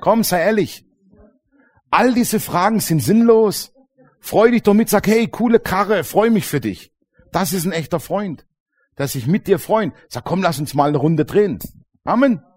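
Lively German-speaking man preaching. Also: sits high, unhurried. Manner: lively, colloquial preaching with acted-out dialogues and frequent "Amen". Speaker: pastor. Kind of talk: sermon. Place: church congregation.

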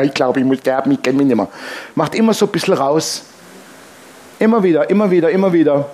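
A male preacher with a somewhat high voice delivers an animated sermon. He acts out the lines of the people he quotes with dramatic shifts of voice, then drops back into plain preaching. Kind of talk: lively sermon with acted-out dialogue.

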